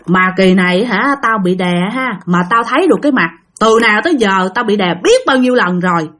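A woman's voice: medium pitch, expressive, fairly quick, a bit bright. A woman voicing a frightened male doctor, retelling a ghostly encounter in a breathless, fearful way.

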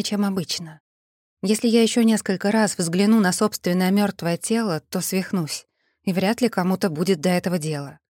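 Женщина-рассказчица размеренно и выразительно читает аудиокнигу от первого лица. Голос среднего тона, запись сухая и близкая, без эха. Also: female voice, mid-range voice, no echo, clean studio sound. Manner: measured, expressive reading. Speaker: audiobook narrator. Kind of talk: first-person audiobook narration.

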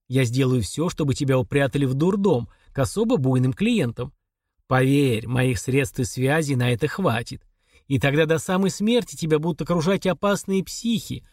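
A man reading an audiobook, voicing a cold, sadistic husband who talks calmly and sarcastically. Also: mid-range voice, no room sound, clean studio sound, natural voice. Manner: calm, flat, sarcastic.

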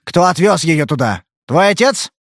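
A man's voice: fairly high pitch, very animated, moderate pace, no echo, clean studio sound, pitched above the performer's own voice. A man voicing a tough detective who barks short, clipped orders in an audiobook. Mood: harsh commanding. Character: tough male detective, commanding and blunt. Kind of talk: audiobook character reading.

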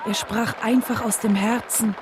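An actress playing the earnest wife of a civil rights leader, looking back in measured, solemn radio drama narration. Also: female voice, fairly high pitch, fairly even intonation, a crowd in the background, background noise, lightly acted.

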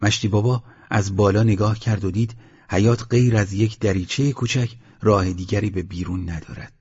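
A man narrates an audiobook in a steady, measured storytelling voice. His voice sits low and has a husky edge. The recording is dull and lo-fi. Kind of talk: scripted narration.

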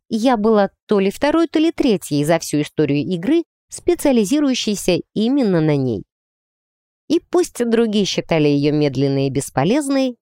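A woman narrating a first-person novel as an audiobook, lively and ironic in her storytelling. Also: medium pitch, clear, resonant tone, no echo, studio quality.

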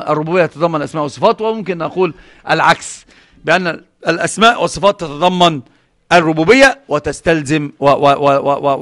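A man teaches a religious lesson in a high, ringing voice. He moves between recited verses and explanation, putting questions to his listeners and answering them himself. His speech is full of restarts and repeated words. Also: a bit bright. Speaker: Islamic scholar teaching a book.

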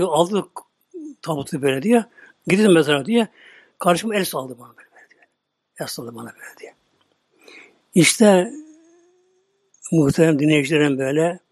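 A male preacher retelling a story in a slow, dramatic sermon, often dropping into a whisper. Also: a little high, no echo, clean studio sound.

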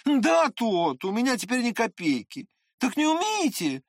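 A reader voicing an excitable, pretty teenage boy who chatters eagerly in an audiobook. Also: medium pitch, unhurried, no room sound, clean studio sound, pitched above the performer's own voice. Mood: chattering.

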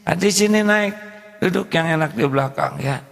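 Squeaky welcoming mother, as a man acts her. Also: moderate pace, gravelly, fairly bright tone. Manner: very high squeaky voice, inviting. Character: warm wealthy mother, kind and welcoming. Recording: echoey hall reverb.

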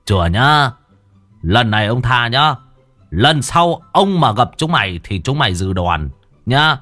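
A man putting on a gruff village bully. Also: medium pitch, very animated, a little slow, bright, forceful tone, faint music behind, full character voice. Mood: mocking. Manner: threatening, crude, mocking. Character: bullying gruff older village strongman, male.

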